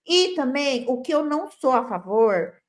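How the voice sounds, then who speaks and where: A woman's voice: high voice, big pitch swings, moderate pace. A Brazilian woman co-hosting a casual talk show, giving her opinions in a chatty way and asking rhetorical questions. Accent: Brazilian Portuguese. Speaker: co-host.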